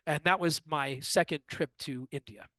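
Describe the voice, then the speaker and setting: Man in his fifties, fairly high voice, dry close sound, animated storyteller, interview guest. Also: moderate pace, no room sound. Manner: animated anecdotal storyteller who acts out quoted dialogue.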